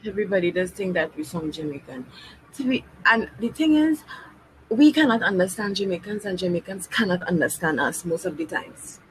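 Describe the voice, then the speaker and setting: A woman with a Trinidadian accent talking casually on a podcast in a relaxed, conversational way. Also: on the low side, fairly quick, slight background noise, rough recording. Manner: relaxed, conversational, explaining her view.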